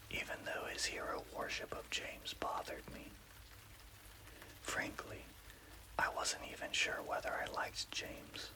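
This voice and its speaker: Male ASMR horror narrator, whispers throughout with no voicing, careful storyteller's delivery over rainfall. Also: rough recording. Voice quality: unvoiced, breathy whisper.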